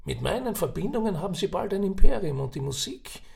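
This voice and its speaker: A talkative, wheedling old wheeler-dealer, put on by a male reader. His voice sits higher than the narration and is gravelly with fry. He keeps pushing his schemes in a quick, persuasive patter. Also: sing-song, darkish tone, full character voice. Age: older. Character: older Viennese male businessman, chatty and scheming. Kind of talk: audiobook reading.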